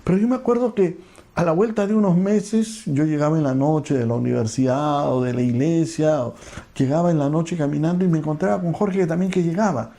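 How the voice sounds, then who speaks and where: Male pastor, gravelly and mellow, earnest sermon storytelling with a quiet prayerful close. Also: on the high side, a little fast. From Peru.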